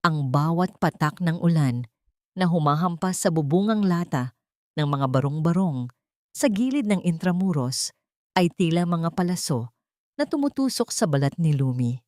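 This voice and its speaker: Reading a scripted dramatic tale, a woman narrates in a lowish, warm voice, slow, measured, and somber in mood. The sound is dry and close-miked, with no surrounding room.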